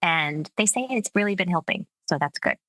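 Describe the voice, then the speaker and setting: A woman speech coach explaining her methods in a measured, explanatory way during a conversational interview. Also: fairly low pitch, expressive, fairly bright tone, dry recording, poor audio. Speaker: speech coach and accent specialist.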